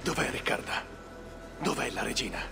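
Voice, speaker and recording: A man's voice: medium pitch, very animated, moderate pace. A man playing a composed Viking warrior on a search in a video game dub. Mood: urgent. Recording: clear background noise from game ambience.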